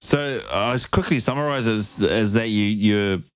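Deep-voiced man, roomy sound. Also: normal speed, clean tone. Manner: laid-back, slangy. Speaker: podcast host. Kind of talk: casual chat.

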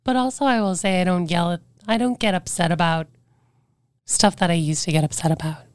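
Speaking briskly with a lowish, clean tone, this podcast guest shares her life openly and earnestly, reflecting aloud and leaning on "like" a lot. Her weakened voice can't rise in volume and at times fades into a whisper. It's clean studio sound without any room tone.

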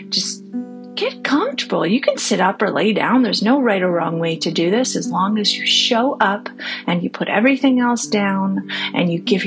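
A woman hosting a guided meditation for families and children, speaking gently and reassuringly to listeners, sometimes softening toward a breathy near-whisper. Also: medium pitch.

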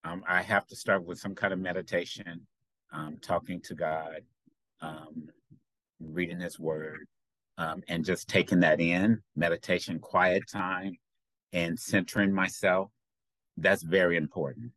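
A man speaking as a talk-show guest, reflective and unhurried, pausing often with "um". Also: sits low, little pitch movement, fairly bright tone, no echo, low-quality recording. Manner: reflective, unhurried, many "um" pauses. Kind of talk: casual talk-show chat.

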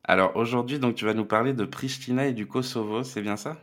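A man's voice: medium pitch, brisk, a bit bright. A man hosting a podcast, reading a scripted introduction in a welcoming announcer manner, like cabin crew greeting passengers. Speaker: podcast host and presenter.

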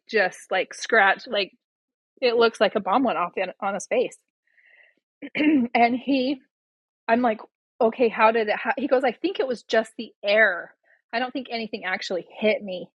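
Chatty woman telling stories, husky voice. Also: a little high, no room sound, highs cut off. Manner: animated, acts out quoted voices, many fillers. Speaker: podcast guest, doula. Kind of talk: casual storytelling chat.

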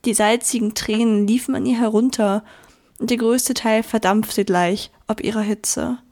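Gentle woman reading a bedtime story. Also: fairly high pitch, fairly even intonation, moderate pace.

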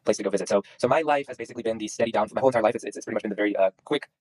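A man's voice: on the low side, very fast, a little mellow, no room sound, low-quality recording. A young man from Venezuela, a guest dentist in a casual podcast interview, talking in a rambling way with lots of restarts. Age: young adult. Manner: rambling, frequent restarts and ums.

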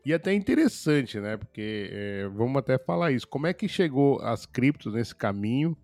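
A man with a Brazilian Portuguese accent, hosting a podcast and asking questions in a relaxed, slangy way. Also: mid-range voice, normal speed, no room sound. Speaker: podcast host. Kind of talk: casual interview.

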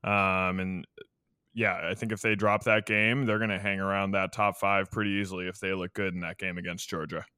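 A man's voice: low voice, little pitch movement, normal speed, pushed and bright, smooth, no room sound, studio quality. A man co-hosting a sports podcast, giving confident, assertive opinions in casual talk. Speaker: podcast co-host.

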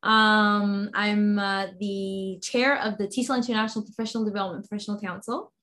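A woman's voice: medium pitch, steady tone, fairly quick, a bit bright. A woman from Sudan, a guest in an interview, talking enthusiastically with many fillers and restarts. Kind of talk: interview conversation.

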